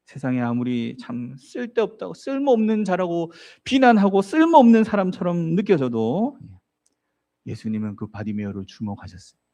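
A man's voice: a little high, big pitch swings, normal speed, warm tone. A male pastor preaching a sermon, telling the story vividly and putting rhetorical questions to the congregation. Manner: storytelling, acts out voices in the story.

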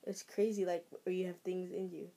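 Excitable young woman vlogger. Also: fairly low pitch, brisk. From Trinidad. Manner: excitable, exclaiming, thinking aloud while reading. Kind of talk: casual vlog, reacting to results.

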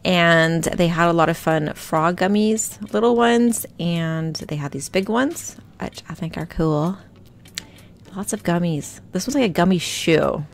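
A woman's voice: lowish voice, takes it slowly, slight background noise. A woman vlogger chatting casually to her viewers about her shopping finds, rambling and talking straight to them. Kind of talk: casual shop-with-me voice-over.

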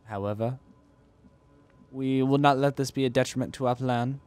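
A young man hosts a let's play of a strategy game, commenting casually, joking, and goofily arguing with himself in silly voices. His medium-pitched voice is a little mellow with fairly even intonation and a moderate pace, over soft background music.

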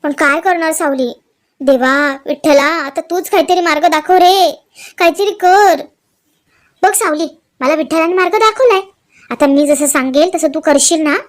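A woman's voice: sits high, normal speed, natural voice. A woman voicing a scheming, domineering older matriarch who coaxes and threatens in a dramatized story reading. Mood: coaxing. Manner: coaxing, menacing, emotionally blackmailing. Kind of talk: dramatized serial recap reading.

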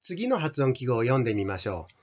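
A man's voice: medium pitch, very animated, fast, a little mellow. An older Japanese man teaching an English pronunciation lesson, carefully modelling sounds for students to repeat. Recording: slightly dull lo-fi sound.

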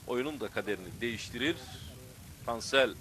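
A man giving live football play-by-play, bursting into loud, excited shouts at key moments. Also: mid-range voice, fairly quick, slight background noise. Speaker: football match commentator.

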